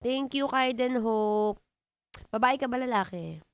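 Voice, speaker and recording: A young woman with a Filipino accent hosts a live radio show in a deep, low-set voice. She banters playfully with her listeners. The studio sound is close and dry. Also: measured pace, clean tone, no echo. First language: Tagalog. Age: 20s. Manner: playful, teasing, laughs often. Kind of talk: live radio chat reading comments.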